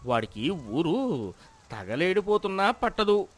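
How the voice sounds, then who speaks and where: A man's voice: sits high, sing-song, slow, exaggerated voice. A man voicing a worried young village helper reporting to his elder. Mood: disapproving. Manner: respectful, reporting anxiously.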